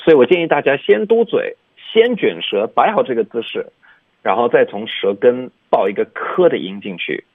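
A man's voice: medium pitch, animated, normal speed, slightly rough, no echo. A man teaching English pronunciation on a radio lesson, explaining patiently and demonstrating sounds with exaggerated articulation. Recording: dry, tinny phone-like sound.

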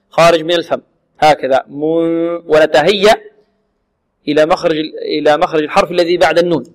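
Man teaching Quran recitation, slow chanting. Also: on the high side. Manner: chants verses slowly, then explains rules briskly and repeats single syllables. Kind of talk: recitation lesson with modeled chanting.

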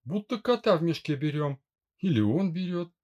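A man's voice: on the high side, lively intonation, normal speed, a little mellow, voice pushed up, lightly acted. A man reading a young woman in an audiobook, stubborn and pleading in turns. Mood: indignant. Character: young woman, headstrong bride-to-be. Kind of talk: audiobook character voice.

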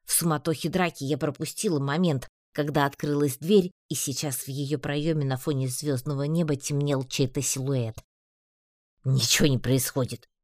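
A woman narrating a first-person audiobook in a lively, ironic way. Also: deep voice, moderate pace, few pauses, dry recording, studio quality.

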